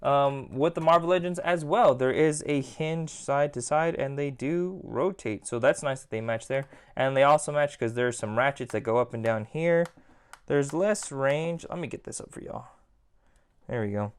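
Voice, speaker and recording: A man's voice: mid-range voice, moderate pace, clear, resonant tone. A man giving a casual, rambling toy review at home, leaning on filler words like "again" and "like". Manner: chatty, rambling, repeats "again" and "like".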